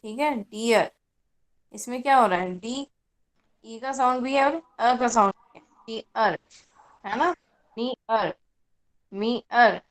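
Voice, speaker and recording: A woman's voice: on the high side, slow pace, pauses often. A woman teacher giving an online class lecture, patiently explaining and checking in with her students.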